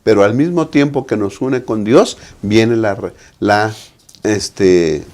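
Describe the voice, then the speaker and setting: Speaking with a Mexican Spanish accent, a pastor goes over the Sabbath school lesson in a preaching style, frequently tacking on tag questions. His voice is fairly low and darkish, and he talks slowly.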